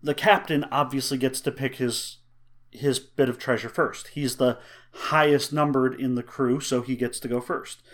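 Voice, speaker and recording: A man's voice: mid-range voice, fairly even intonation, moderate pace. A man co-hosting a casual board game discussion, talking through games with enthusiasm. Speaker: co-host.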